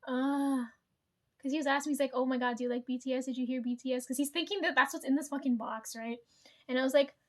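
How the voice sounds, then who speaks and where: A female vlogger speaks directly to her viewers in a high, bright voice, meandering through a story in relaxed, casual chat. She swears freely, laughs a lot and keeps checking in with her audience.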